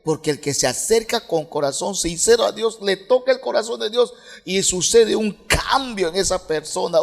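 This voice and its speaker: A Peruvian man preaching as a pastor, moving between soft, low passages and loud, shouted peaks. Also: vocal fry. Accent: Peruvian Spanish. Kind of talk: sermon. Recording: hall reverb.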